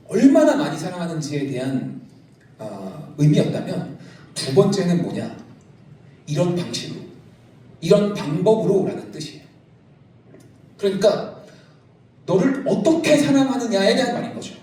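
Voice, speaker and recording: Lively pastor preaching in an echoey hall. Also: male voice, high voice, unhurried, long pauses. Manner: lively, joking with the congregation. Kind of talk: youth service sermon. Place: large church sanctuary. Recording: echoey church hall, from a distance.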